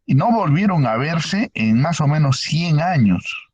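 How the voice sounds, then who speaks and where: A man's voice: fairly high pitch, very animated, a little slow, a little mellow, slightly rough, no echo, lo-fi sound. A male teacher explaining ideas to a class and asking them questions as he goes. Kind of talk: online university lecture.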